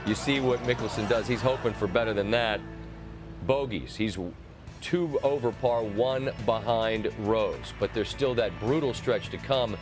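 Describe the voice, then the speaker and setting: A man working as a golf commentator, narrating tournament highlights over music. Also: measured pace. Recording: music bed under the voice.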